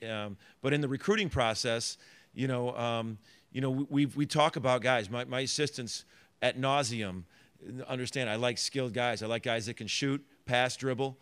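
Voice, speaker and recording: A middle-aged man speaks as a basketball head coach at a press conference. He talks earnestly into a table microphone, circling back on his words with fillers and restarts. His voice sits at an ordinary middle pitch. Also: fairly bright tone, clean tone.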